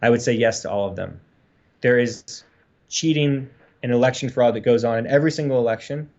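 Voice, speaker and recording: A man's voice: medium pitch, fairly quick, a little mellow, highs cut off. A man co-hosting a casual livestream chat, rambling earnestly with many fillers. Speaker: co-host.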